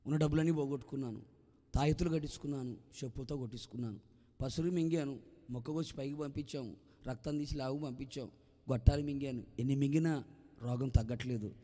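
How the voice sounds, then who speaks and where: A man voicing a weary, long-sick woman who speaks in a low, subdued, lamenting way. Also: fairly even intonation, fast talker, dark tone, close to an everyday voice. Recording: long hall reverb.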